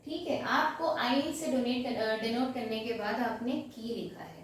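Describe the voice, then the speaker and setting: Lady teacher at a board, kinda high voice, asks stuff then answers it, super echoey room from far off. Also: a little slow, a little hiss or hum. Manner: explains step by step, asks and answers own questions. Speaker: English teacher. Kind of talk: classroom lesson at a board. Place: classroom with a board.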